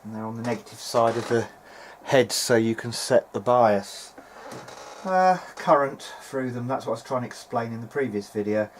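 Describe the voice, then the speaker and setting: A medium-pitched man at a moderate pace tinkers with vintage audio gear at his home bench, musing aloud in a casual, unsure way for his video. He holds the camera himself, and the amateur recording is clearly noisy.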